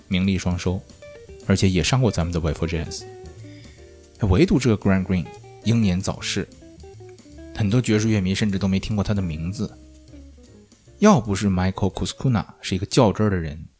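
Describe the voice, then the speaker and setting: Podcast host, male, lowish voice, chatty storyteller with a ranting streak. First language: Chinese. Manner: chatty, colloquial storytelling, turns animated and exasperated when ranting. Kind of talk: scripted podcast narration with asides.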